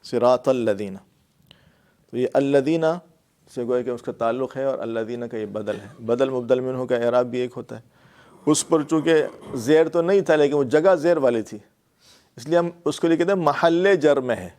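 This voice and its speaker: In a classroom lecture on the Quran and Arabic grammar, a male teacher speaks Urdu with a Pakistani accent in a medium-pitched, slightly mellow voice. His explanations are patient, with repeated words and fillers throughout.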